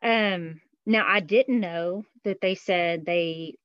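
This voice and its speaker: A woman guest on a podcast, speaking in a soft, hesitant way with fillers. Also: on the low side, takes it slowly, clean tone, no echo, lo-fi sound. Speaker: interview guest. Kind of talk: casual conversational interview.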